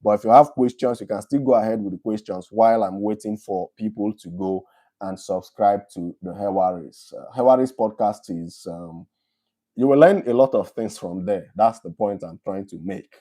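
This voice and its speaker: A Nigerian man hosts a live stream Q&A, reading viewer questions aloud and answering them one by one. His voice sits low and sounds mellow and dark. He talks in an easy, conversational way. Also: normal speed.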